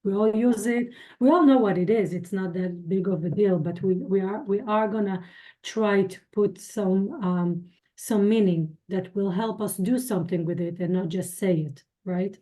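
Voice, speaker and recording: A woman leading introductions in an online class over a video call, friendly and halting, with many restarts. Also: mid-range voice, dark tone. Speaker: course instructor.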